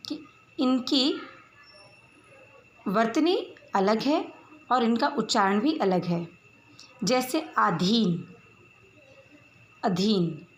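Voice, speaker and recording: A woman teacher giving a school spelling lesson, reading word pairs aloud with careful, clear enunciation. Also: fairly high pitch, slight background noise. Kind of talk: slow, deliberate Hindi lesson. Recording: echoey room with faint background ambience.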